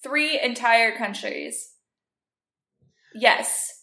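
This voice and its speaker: Woman co-host, casual and chatty, laughs a lot; higher voice, roomy recording. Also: animated, drawn-out words, vocal fry, sharp tone. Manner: chatty, laughs often, explains facts. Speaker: podcast co-host. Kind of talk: casual chat. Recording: roomy echo.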